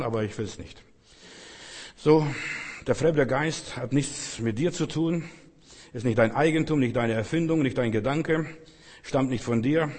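A man's voice: medium pitch, breathy edge. A male preacher giving a sermon, speaking directly to his listeners with rhetorical questions. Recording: long hall reverb.

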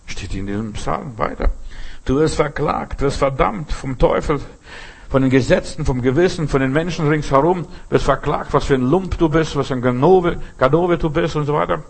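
Husky older preacher, emphatic and conversational. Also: male voice, on the high side, moderate pace. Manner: emphatic, conversational, asks "verstehst?". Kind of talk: sermon.

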